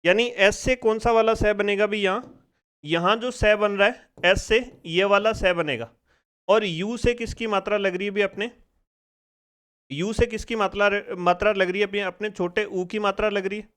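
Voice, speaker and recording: A man's voice: high-pitched, fairly even intonation, normal speed, fairly bright tone, clean tone. A man teaching a spoken phonics lesson in speech, asking the class questions and drilling each sound step by step. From India.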